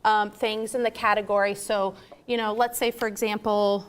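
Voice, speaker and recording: A woman's voice: mid-range voice, little pitch movement, moderate pace, clean tone. A woman, a lifestyle expert, enthusiastically showing products as a guest in a TV studio. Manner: bubbly, enthusiastic. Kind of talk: TV studio product demo chat.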